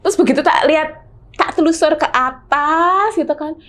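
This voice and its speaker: A woman with a Javanese accent, a guest telling her own horror experience in casual chat, animated and vivid with lots of fillers. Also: high voice, moderate pace. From Semarang, Central Java, Indonesia.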